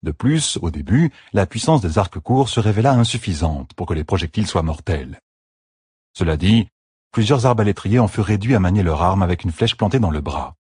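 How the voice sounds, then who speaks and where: A man narrating a fantasy battle audiobook with steady, dramatic storytelling. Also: deep voice, fairly quick, slightly rough, no room sound, studio quality.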